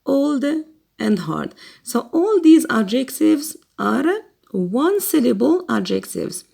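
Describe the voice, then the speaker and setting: A woman's voice: fairly high pitch, gravelly, a little mellow, breathy edge. A woman teaching an English grammar lesson, patiently repeating words and asking learners to answer. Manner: slow, patient, repeats words for students to copy.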